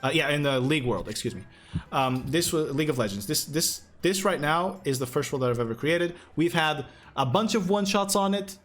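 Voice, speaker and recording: A man's voice: fairly high pitch, fairly quick. Chatty young man with fillers. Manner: relaxed, rambling with many fillers and restarts. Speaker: game master and stream host. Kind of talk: casual livestream chat, reading chat questions. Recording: faint music behind.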